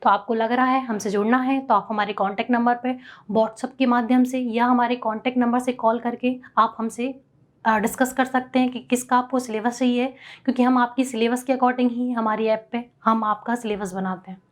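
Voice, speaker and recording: A woman's voice: a little high, fairly even intonation, moderate pace. A young woman teaching a math lecture, asking questions and answering them herself.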